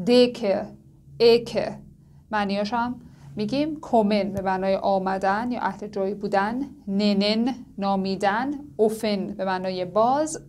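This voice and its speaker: A woman teaching a language lesson. She says the example words slowly and drawn out, then explains each one at a quicker pace. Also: mid-range voice, a little mellow. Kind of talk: lesson narration.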